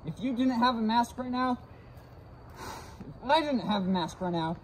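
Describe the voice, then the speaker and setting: A man's voice: animated, a little slow, slight background noise, low-quality recording. A young man speaking through a gas mask while casually demonstrating safety gear in a brash, swearing way. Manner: brash, swearing, breathing deeply. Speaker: vlogger testing safety gear.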